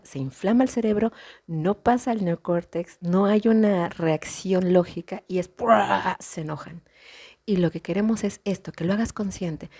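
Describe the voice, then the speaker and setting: A woman's voice: fairly low pitch, warm tone. A woman therapist giving a self-help talk, explaining with everyday examples and acting out little voices. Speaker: therapist and coach.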